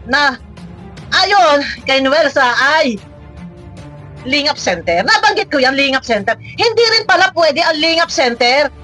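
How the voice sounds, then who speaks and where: Woman reaction vlogger, high and bright, teasing and scolding with frequent laughs, faint music underneath. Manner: mocking, scolding, laughs often.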